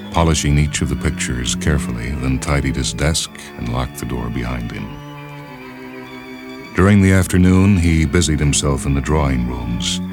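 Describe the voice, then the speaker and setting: Orchestral music is clearly audible behind a man with an extremely deep voice narrating literary fiction for radio. He reads in a solemn, measured way.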